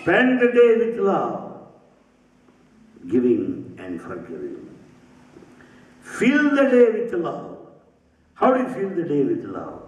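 Slow, lively man speaking in an echoey temple hall. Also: medium pitch. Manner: slow, rhythmic, with repeated phrases and rising and falling emphasis; humorous asides that draw laughter. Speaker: spiritual speaker. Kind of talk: spiritual talk. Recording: roomy, distant, dull hall recording.

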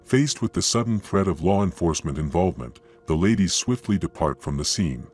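Male narrator, deep voice, grave nature-documentary storytelling with suspense, faint music underneath. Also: expressive, a little fast, darkish tone, husky. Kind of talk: dramatic scripted narration of security footage.

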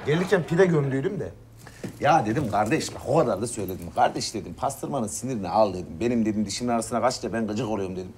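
Man playing a short-tempered crude man, therapy client, blunt, fast, lively pitch. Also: slight background noise, close to an everyday voice. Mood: grumbling. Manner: blunt, crude and quick to snap. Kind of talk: comedy sketch acting.

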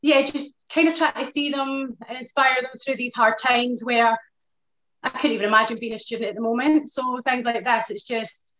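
An upbeat woman from Scotland with a Glaswegian accent joins a casual video-call interview as a guest, a hair colour director, from a living room with a sofa. Her voice is a little high, steady and moderately paced, full of enthusiasm and warm laughter, though the laptop audio sounds dull and lo-fi.

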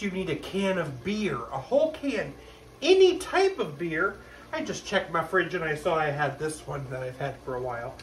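A man in his thirties hosting a casual home cooking video in his kitchen, with animated, gushing exclamations. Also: high-pitched. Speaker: cooking channel host. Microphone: camera at close range.

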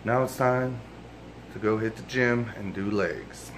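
A fitness vlogger in his thirties, tired from exercise, speaks casually and plainly to camera in a workout vlog, using colloquial language and mild swearing. His voice is on the low side and unhurried. It's noisy handheld camera audio with ambience, shot in rooms at home and a home gym.

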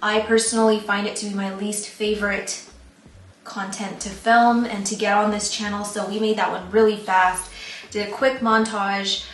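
A woman's voice: mid-range voice, little pitch movement, normal speed. Chatty young woman in an echoey room. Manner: chatty, rambling, self-deprecating. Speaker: plant YouTuber. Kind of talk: casual vlog talk to camera. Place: home plant room. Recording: roomy echo, faint ambient noise.

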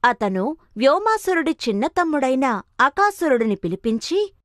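A woman's voice: sits high, very animated, moderate pace, no room sound, clean studio sound. A woman narrating a children's cartoon story with dramatic expression.

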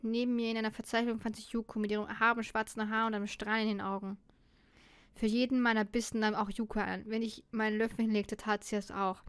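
A woman's voice: fairly high pitch, little pitch movement, fast, clear, resonant tone, no echo, lightly acted. A woman reading a young male hacker's self-mocking inner monologue in a game, with a storytelling manner. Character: young male hacker narrating his inner thoughts, wry.

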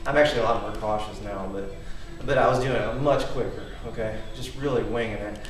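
In a large wood-paneled garage at night, a home fitness vlogger in his thirties rambles chattily while demonstrating homemade gym gear and telling a story, often asking "okay?". His voice is lowish, steady and fairly quick, picked up from across the room by a camera mic, so it sounds echoey and distant, with a little hiss or hum.

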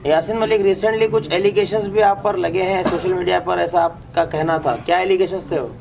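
A local reporter interviewing a candidate, asking questions in a halting way as he searches for words. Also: high voice, steady tone, vocal fry, darkish tone, slight background noise.

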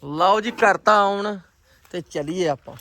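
A man's voice: high voice, a little slow, sharp tone. A man chatting informally as a vlogger to viewers and a companion outdoors. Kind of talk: casual village vlog chat.

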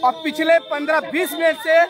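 A man's voice: very high voice, flat delivery, normal speed. A male field reporter, reporting live on a street and urgently confronting people on the spot. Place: busy street outside a court campus. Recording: noisy outdoor street recording with crowd. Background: crowd and traffic.

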